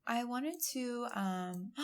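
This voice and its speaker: A woman's voice: on the high side, lively intonation, extremely slow. A woman hosting a let's-play, giving chatty, giggly gameplay commentary and laughing often. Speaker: gaming channel host.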